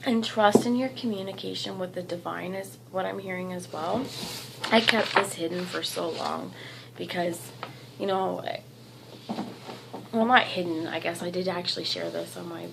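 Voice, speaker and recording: A woman giving a channelled tarot reading in a gentle, encouraging, rambling way, losing her voice. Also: lowish voice, very animated, moderate pace, gravelly, heavy background noise. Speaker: tarot reader.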